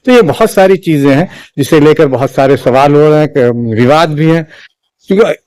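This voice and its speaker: A man giving a spoken opinion commentary in a measured, halting way, with frequent restarts and fillers. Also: a little high, a little mellow, no room sound. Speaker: political commentator.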